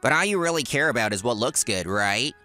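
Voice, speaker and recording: In a comic dub, a man plays a cocky, spiteful office worker who sneers and taunts mockingly, stammering once he's cornered. His mid-range voice is expressive, brisk, bright and forceful, with faint music in the background.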